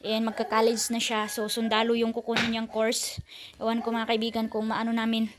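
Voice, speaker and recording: A woman's voice: on the high side, monotone, a little fast. Chatty woman vlogger, noisy phone recording. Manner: chatty, addresses viewers as friends, many fillers. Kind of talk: casual family vlog.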